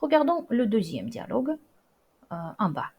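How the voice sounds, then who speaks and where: A woman teaching verb conjugation in a patient, deliberate way, modelling each word and then translating it. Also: on the high side, wildly swooping pitch, darkish tone, breathy edge. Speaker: Russian language teacher. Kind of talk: slow, clear language lesson with repetition drills.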